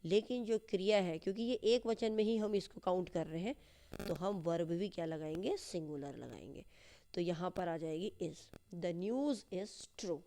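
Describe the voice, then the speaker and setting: A woman teaching English grammar and literature in a lesson that walks through an exam paper, explaining in Hindi and slowly dictating English sentences. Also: lowish voice, dark tone. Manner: slow, deliberate dictation of English phrases.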